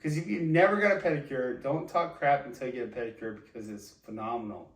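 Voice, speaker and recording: A man's voice: medium pitch, quick pace. A young man co-hosting a podcast, bantering casually in a crude, rambling, jokey way. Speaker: podcast co-host. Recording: echoey room, distant from the mic.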